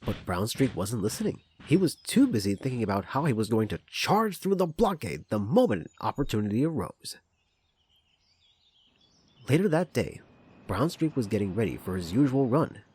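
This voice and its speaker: A man's voice: mid-range voice, big pitch swings, normal speed, a little mellow, slight background noise. A man narrating a parody of a children's train story in storybook style, with music behind him.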